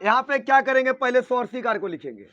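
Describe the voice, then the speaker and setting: A man's voice: very high voice, lively intonation, fast talker, pushed and bright, no room sound, muffled recording. A man teaching a grammar lesson at a board, repeating key words and often checking whether his students understand.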